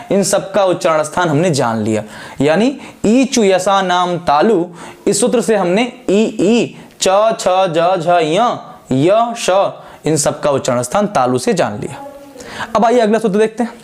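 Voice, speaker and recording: High-voiced Hindi teacher drilling sounds. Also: male voice, expressive, darkish tone. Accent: Purvanchal Hindi. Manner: emphatic, drills sounds by repeating them slowly. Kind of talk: whiteboard grammar lesson.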